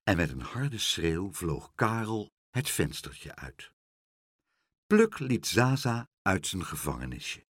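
Man reading a kids book out loud, low husky voice, slow, swoops all over the place. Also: huge pitch swings, no echo, studio quality. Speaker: storyteller. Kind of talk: reading a children's story aloud.

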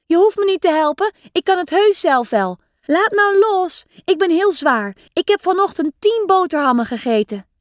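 A woman's voice: extremely high pitch, animated, normal speed, no room sound, clean studio sound, pitched above the performer's own voice. A woman voicing a stubborn, boastful little girl of about six in a read-aloud storybook. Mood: defiant. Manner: insistent, boastful.

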